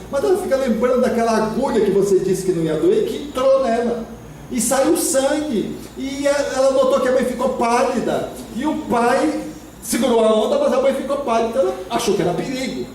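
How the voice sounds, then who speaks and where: Brief: Brazilian male lecturer, high-pitched, animated storytelling, recorded from afar in a reverberant hall with faint noise. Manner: expressive, acts out parents and children. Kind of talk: spiritist lecture. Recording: echoey hall from far off.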